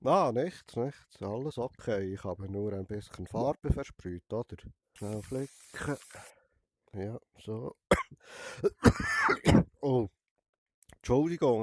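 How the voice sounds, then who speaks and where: On stream with a VR barber game, a young Swiss German gamer who has a cold teases playfully in his barber role, tagging sentences with an inquiring "hä?". He speaks at a measured pace with frequent pauses in a lowish voice, on a dry recording.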